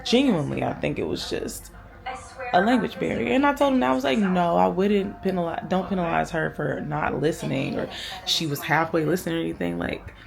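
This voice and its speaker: A woman's voice: on the low side, lively intonation, fairly quick, creaky, over music. A young woman vlogging about her trip, casually retelling a frustrating restaurant run-in and acting out both sides of the conversation. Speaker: travel vlogger. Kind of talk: casual storytelling vlog.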